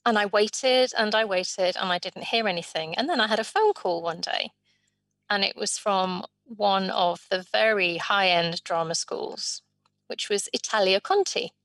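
Measured woman telling her story. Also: medium pitch, animated, fairly bright tone, dry recording. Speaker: sign language interpreter voicing the guest. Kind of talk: first-person life story in an interview.

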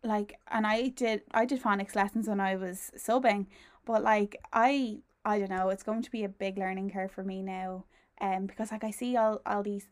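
Casting: woman, mid-pitched voice, podcast host, informal, encouraging, casual conversational delivery. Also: fairly even intonation, normal speed. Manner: informal, encouraging, frequent agreeing. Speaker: podcast host, trainee teacher. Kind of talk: casual interview.

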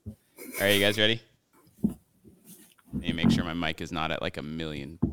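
A man's voice: sits low, moderate pace, background noise. A young man co-hosting a podcast in casual chat, joking around, with a nagging cough. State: has a cough. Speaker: podcast co-host.

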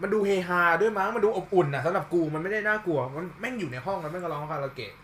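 A man's voice: high-pitched, lively intonation, rapid-fire, fairly bright tone, slight background noise. A man hosting a casual podcast with friends, reading out facts politely to listeners and then joking loosely and swearing with his guests. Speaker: podcast host.

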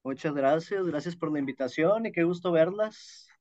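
A man's voice: fairly high pitch, moderate pace, dry recording, lo-fi sound. A man with a northern Mexican accent from Monterrey, talking as a podcast guest in an emphatic, explanatory way. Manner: naturally loud, emphatic way of talking. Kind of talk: conversational podcast interview.

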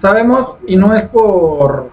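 A man telling a drawn-out anecdote in casual radio chat. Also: high-pitched, very animated, a little hiss or hum. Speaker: radio show co-host. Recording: roomy, distant from mic, dull lo-fi sound.

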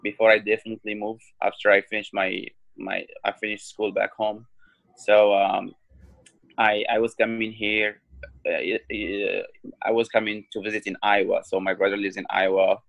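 A man in his twenties from Morocco, a guest on a podcast, telling his story in a halting way with many ums and restarts. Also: fairly low pitch, level tone, creaky, a bit bright, dry recording, dull audio. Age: 20s. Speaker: guest, professional fighter. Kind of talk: casual interview talk.

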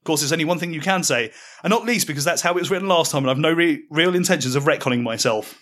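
Bright-voiced man narrating comedy. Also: fairly high pitch, very fast. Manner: mocking, deadpan delivery. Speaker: podcast storyteller. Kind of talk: comic second-person narration.

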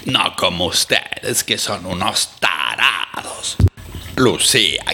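Man putting on a grumpy rude comic character, broken grammar, slow drawling delivery, lively swooping pitch. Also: slight background noise, exaggerated voice. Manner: insulting, speaks in infinitives.

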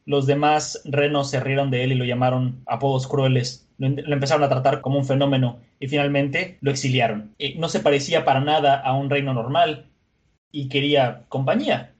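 A man casually retelling a comic chapter, lively, slangy, and laughing easily. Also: medium pitch, fairly quick. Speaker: podcast co-host.

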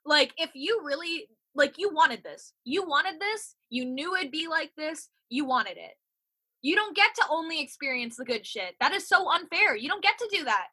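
Ranting high-voiced young woman, animated. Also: moderate pace. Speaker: podcast co-host. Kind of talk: casual podcast chat.

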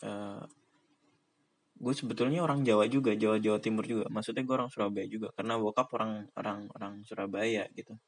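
A man's voice: fairly low pitch, fairly even intonation, fairly quick. A young man from Indonesia talking casually on his own, rambling in slang with frequent laughs. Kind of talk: casual monologue.

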